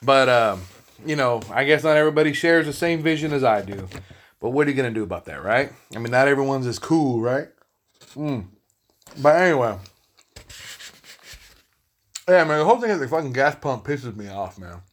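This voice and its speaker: A man's voice: medium pitch, expressive, fairly quick. A young man hosting his own podcast, ranting casually with constant swearing and filler words while he eats. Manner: profane, rambling, heavy fillers, eating on mic. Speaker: podcast host. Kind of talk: casual solo podcast rant.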